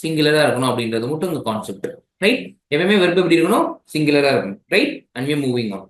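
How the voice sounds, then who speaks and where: A man's voice: fairly high pitch, sing-song, fast talker, reverberant, poor audio. A man teaching an exam-prep grammar lesson with a Tamil accent, switching between languages and often checking in with his students. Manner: mixes languages, checks in with "right?".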